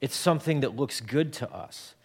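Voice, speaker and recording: A man around forty delivers a sermon in an easygoing, conversational way. His voice sits at a middle pitch, and he often stumbles into repeated words. He works everyday stories into the preaching. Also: lively intonation, normal speed, slightly rough. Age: 40s. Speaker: pastor.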